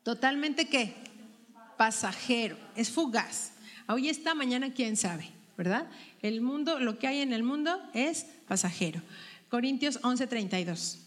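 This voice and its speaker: A woman's voice: on the high side, lively intonation, unhurried. Woman leading a Bible study. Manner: asks the group questions and tags them with "¿verdad?". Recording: long hall reverb.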